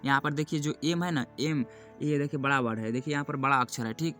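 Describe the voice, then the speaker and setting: Male teacher, even middle pitch, patient and repetitive explaining, music bed clearly heard behind. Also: quick pace. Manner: repeats points, keeps saying "look" and "okay". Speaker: English teacher. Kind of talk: explaining a beginner lesson.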